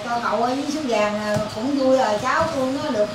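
A woman in the family quickly encouraging the boy to make his own decision. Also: on the high side. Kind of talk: casual chat. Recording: echoey and far from the mic, noisy.

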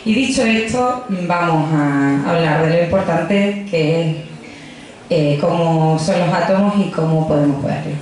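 Low-set and darkish, this young woman's voice is unhurried. Speaking into a handheld microphone in a crowded indoor pub, the Badajoz-accented physicist from Extremadura gives a chatty, jokey science talk aimed straight at her audience; the room is echoey, with faint noise.

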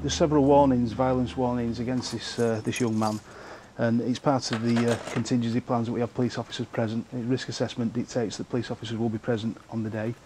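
A man working as an immigration officer, speaking calmly and procedurally in an office, with some fillers. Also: medium pitch. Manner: brisk, calm and procedural, with fillers. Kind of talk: interview and on-duty talk. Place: office in a reporting centre. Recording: noisy location sound.

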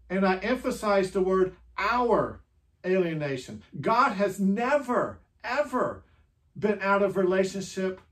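A pastor giving a reflective Holy Week meditation, speaking gently in short phrases with long pauses and asking the listener many questions. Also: mid-range voice.

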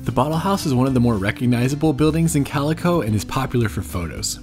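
A man in his thirties talks through a travel vlog in an upbeat, informative way, laughing easily as he goes. He films himself outdoors with the camera held out at arm's length, and soft music plays quietly behind him. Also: medium pitch, lively intonation, quick pace. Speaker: travel vlogger. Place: outdoors in the desert, on foot.

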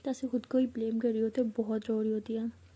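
A woman's voice: on the high side, little pitch movement, fast talker, warm tone, husky. A woman narrating a romance story in a casual, conversational retelling.

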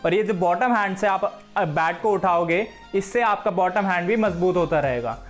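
A man's voice: sits high, moderate pace, soft background music. A young man from Haryana, giving a friendly cricket drill tutorial in a room at home, speaking to a camera across the room. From Haryana, India. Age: young adult. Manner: friendly instructive, addresses viewers as friends. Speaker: cricket coach.

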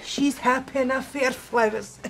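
A woman's voice: high voice, steady tone, normal speed, creaky, a bit bright. An actress playing a chatty, nosy older woman with a broad Scottish accent in sitcom dialogue. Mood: bossy. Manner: chatty, gossipy, rambling.

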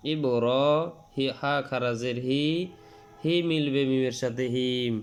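A man's voice: mid-range voice, a little mellow. A man teaching Quran reading, spelling out each letter and vowel sign, drawing out the long vowels as he recites, and patiently repeating each rule. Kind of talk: spelled-out tajweed lesson.

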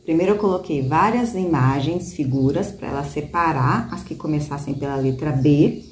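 Woman teacher, patient coaxing tone, drawn-out syllables, lowish pitch, faint background noise. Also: darkish tone. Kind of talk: one-on-one literacy lesson.

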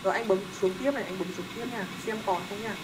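A man's voice: high-pitched, fast talker. A young man teaching a math lesson in a casual, joking way, often checking that his students are following. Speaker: math tutor. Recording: loud background noise.

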